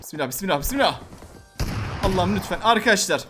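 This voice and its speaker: A man giving gameplay commentary on a mobile shooter, excitable and prone to frustrated yelling. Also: high voice, fast, faint music behind. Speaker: gaming YouTuber.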